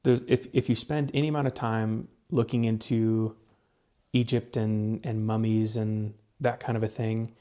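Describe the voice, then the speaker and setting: A man's voice: on the low side, level tone, a little slow, dark tone, clean tone. A young man co-hosting a casual podcast, explaining research in a rambling way, with lots of fillers and restarts. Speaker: podcast co-host presenting research. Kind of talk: casual chat.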